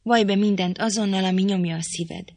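A woman's voice: mid-range voice, fairly even intonation, a little mellow, no echo, natural voice. A woman reading the part of a proud, impatient young woman who scolds irritably in an audiobook. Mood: stern.

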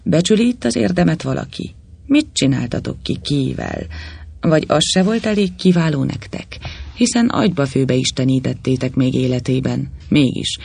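A man doing a haughty old judge, booming and scornful. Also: huge pitch swings, creaky, darkish tone, husky, no echo, heavily acted.

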